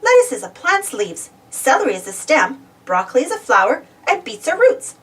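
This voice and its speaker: A woman reads a children's storybook aloud from a script, narrating expressively and simply for young listeners. Her voice sits high and a little bright, with big pitch swings at a normal speed, picked up by a distant mic.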